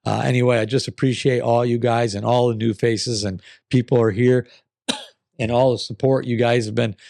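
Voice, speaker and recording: A man with a mellow, raspy voice reads listener stories in a casual, earnest way. He sounds like he is getting over an illness, with a gravelly creak to his words. The sound is dry, with very little room around it. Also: medium pitch, flat delivery, normal speed, dry recording. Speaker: host reading listener-submitted stories. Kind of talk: casual storytelling, reading letters aloud.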